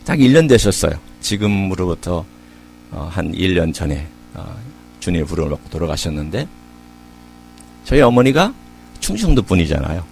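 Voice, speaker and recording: A man's voice: low voice, big pitch swings, normal speed, vocal fry, long pauses, a little mellow, soft background music. A middle-aged man preaching a sermon as pastor, telling stories in a conversational way and asking rhetorical questions. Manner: conversational storytelling.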